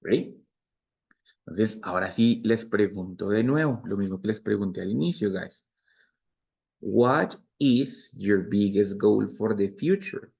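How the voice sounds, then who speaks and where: A man in his forties with a Spanish accent and a low-leaning, slightly mellow voice with vocal fry teaches English grammar in a bilingual lecture at a moderate pace. He methodically walks through each structure, repeating examples as he goes.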